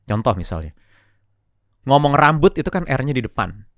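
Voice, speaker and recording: A man's voice: medium pitch, big pitch swings, normal speed, fairly bright tone, no room sound, clean studio sound. A man talking casually as a coach in an interview, explaining with examples and slipping in English words. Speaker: public speaking coach and guest.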